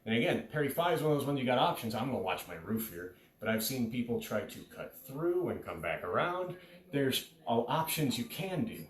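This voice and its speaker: Very animated and fairly quick, a medium-pitched man in his thirties walks through fencing technique in a laid-back instructional manner. Recorded in a carpeted living room on a camera several steps off, the sound is distant and bounces around the room.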